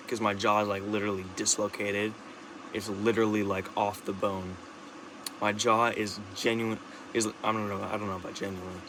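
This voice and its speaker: A young man talking into his camera in a rambling, halting monologue, restarting sentences and swearing often. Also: on the low side, noisy background. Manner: rambling, halting, with many restarts, fillers and curses. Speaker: vlogger.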